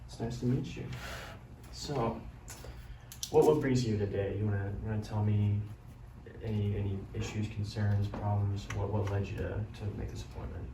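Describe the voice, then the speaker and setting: A man playing a caring doctor who breaks bad news gently, apologetically and haltingly in a role-played consultation. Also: fairly low pitch, steady tone, close to an everyday voice. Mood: polite, attentive. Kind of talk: amateur role-play of a medical consultation. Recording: roomy, distant mic, loud background noise.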